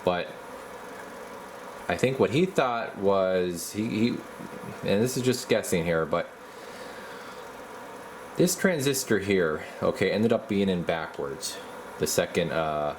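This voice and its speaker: Thinking aloud in a halting, folksy manner, a radio repair technician and video host with a low voice chats casually as he does hands-on repairs. Noticeable noise sits in the background.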